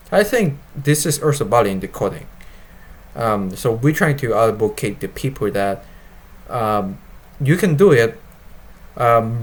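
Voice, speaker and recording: A man with a mid-pitched voice gives an informal product demo in non-native English. He moves forward haltingly, restarting phrases and rewording them as he explains. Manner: halting, repeats and rephrases phrases. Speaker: developer presenting his web app.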